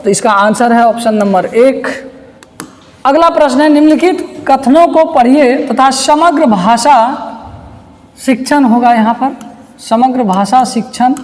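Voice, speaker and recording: A woman with a high, bright-pitched voice teaches through past exam questions one at a time. She keeps posing rhetorical questions and answering them herself, and she repeats each key term. The sound rings with a long, lingering reverb. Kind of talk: recorded lesson solving past exam questions. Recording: long reverb, echoey room.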